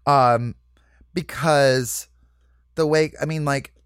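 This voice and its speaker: A man's voice: medium pitch, takes it slowly, clear, resonant tone, no echo, studio quality. A man being interviewed as a comedic actor, talking in a loose, rambling way full of asides and fillers. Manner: rambling, full of "you know" and "like", lively asides. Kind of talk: casual interview chat.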